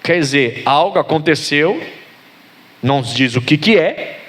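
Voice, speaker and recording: A man preaching a sermon as pastor, swinging between loud emphatic lines and low calls to the congregation, and asking them for responses. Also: lively intonation, measured pace.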